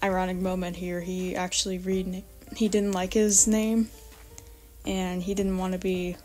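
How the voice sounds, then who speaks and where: A woman with a raspy voice giving a casual, informal vlog voice-over about her art, rambling and hesitant as she goes. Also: fairly low pitch, flat delivery, moderate pace, warm tone, soft background music. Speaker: artist presenting original character redesigns.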